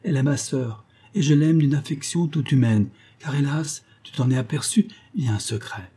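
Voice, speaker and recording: A man's voice: medium pitch, normal speed, warm tone, slightly rough, pitched above the performer's own voice, lightly acted. A man reading aloud voices a frightened, tender young woman who pleads with her lover.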